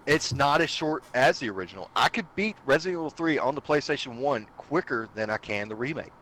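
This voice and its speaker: A man's voice: medium pitch, expressive, fairly quick, fairly bright tone, slight background noise, rough recording. A man guesting on a casual podcast, talking eagerly and explaining things at length. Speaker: guest streamer.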